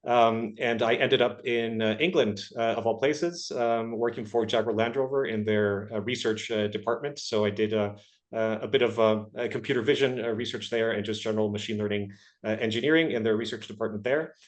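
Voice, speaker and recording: Guy from ecuador, 30s, answering interview questions, kinda hesitant, low voice. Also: a little fast. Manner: hesitant, many filler sounds. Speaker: guest, research engineer.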